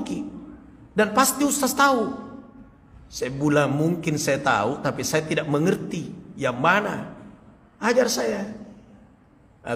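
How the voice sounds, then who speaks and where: A male preacher telling a story in a sermon, acting out the quoted dialogue. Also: a little high. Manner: animated, acts out quoted dialogue with laughter. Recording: reverberant hall, faint ambience.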